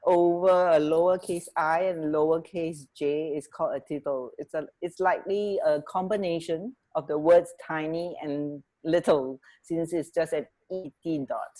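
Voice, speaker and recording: Low, dark and steady, her unhurried voice carries casual radio banter as she and her co-host share trivia. She's from Singapore, and she comes across as chatty, hesitant and prone to giggling.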